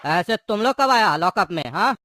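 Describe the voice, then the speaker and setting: A man's voice: sits high, animated, moderate pace, pushed and bright, a little hiss or hum. A voice actor playing a hot-tempered male gangster in a cartoon, taunting and threatening. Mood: mocking. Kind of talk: cartoon voice acting.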